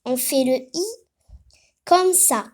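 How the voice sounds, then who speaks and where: A child playing teacher, patiently explaining how to write a letter and often pausing to think mid-sentence. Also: high-pitched. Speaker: pretend teacher. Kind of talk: playful home lesson on writing letters.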